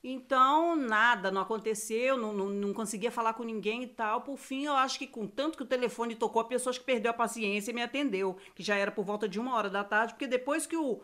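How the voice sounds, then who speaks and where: High, bright Brazilian woman telling a story. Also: quick pace, few pauses. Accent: Brazilian Portuguese. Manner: animated, acts out quoted voices. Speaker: podcast co-host. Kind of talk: casual storytelling chat.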